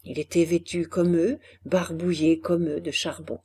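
A woman narrates a classic novel in an audiobook reading. Her voice is husky and breathy, and she takes her time, unhurried and deliberate over each phrase. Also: on the low side, little pitch movement, warm tone. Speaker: audiobook reader. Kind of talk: scripted literary narration.

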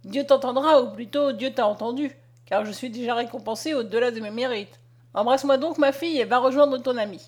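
A woman's voice: on the high side, brisk, lightly acted. A woman reading as a kindly old doctor. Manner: gently firm, soothing. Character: kindly old male doctor, calm and fatherly.

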